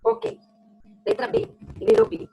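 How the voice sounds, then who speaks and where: A woman's voice: a little slow, mellow, dull audio. A woman with a Brazilian Portuguese accent teaching a literature lesson, explaining step by step, repeating key phrases and checking in with "ok?". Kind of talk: recorded class lesson.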